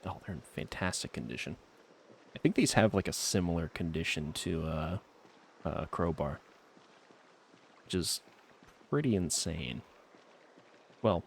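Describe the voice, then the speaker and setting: A man's voice: low-pitched, creaky, slight background noise. A man streaming a video game, chatting to himself in a laid-back, rambling way. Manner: laid-back, rambling self-talk with frequent trailing fillers. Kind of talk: casual gameplay commentary.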